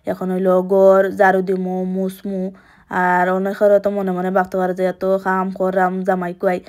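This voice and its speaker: A woman's voice: mid-range voice, monotone, normal speed, darkish tone. A young woman with a Sylheti accent, chatting casually through a home vlog in her kitchen. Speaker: vlogger.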